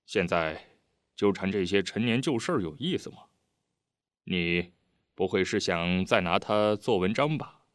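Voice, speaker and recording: A man voicing a bitter, weary retired army man who answers curtly and a little quietly in a storybook reading. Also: sits low, animated, a little slow, no room sound, clean studio sound. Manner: bitter, curt, sighing.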